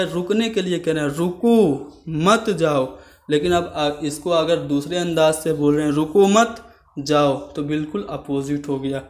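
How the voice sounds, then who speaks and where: Man teaching exam answers, echoey room. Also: a little high. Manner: explains step by step, reads options aloud. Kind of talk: solving exam questions, explanatory lesson. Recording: roomy echo.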